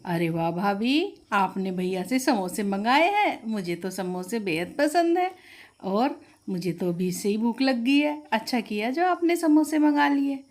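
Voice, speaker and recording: A woman's voice: fairly high pitch, lively intonation, a little slow, voice pushed down. A woman voicing a greedy young girl who is always hungry, talking in an eager, whiny, pleading way.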